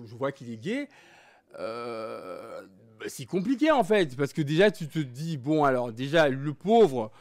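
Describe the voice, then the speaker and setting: A man born in Belgium and raised in Congo, telling his own story as a guest in a candid interview, talking in an animated, emphatic way. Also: fairly high pitch. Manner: animated, emphatic, switching between French and Lingala.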